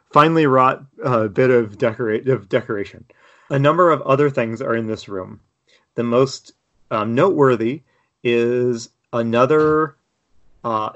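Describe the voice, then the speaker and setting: A man narrates as game master for a tabletop game. He describes each scene in a loose, meandering way, with plenty of fillers and restarts. The recording sounds slightly dull and lo-fi. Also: medium pitch. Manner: loose, rambling description full of "like" and "uh".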